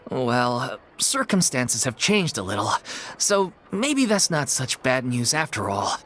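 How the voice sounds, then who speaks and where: A man's voice: mid-range voice, big pitch swings, slow pace, fairly bright tone, exaggerated voice. A man voicing a worried, earnest theatre troupe leader in a video game. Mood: relieved. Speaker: troupe manager. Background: game music.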